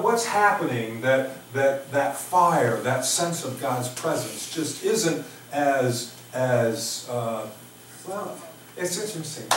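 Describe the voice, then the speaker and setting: Preaching in a small church sanctuary, a middle-aged American man from Oklahoma speaks informally, slowly, and reflectively, his pitch swinging widely. His delivery is halting, with repeated words and emphatic pauses, recorded from a distance in echoey space with a little background noise.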